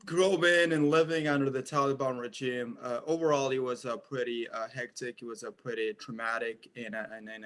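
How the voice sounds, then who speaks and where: A man's voice: medium pitch, a bit bright. A young man from Eastern Afghanistan, a former interpreter, answering interview questions with frequent hesitations and fillers. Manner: hesitant, many uh fillers and repeats.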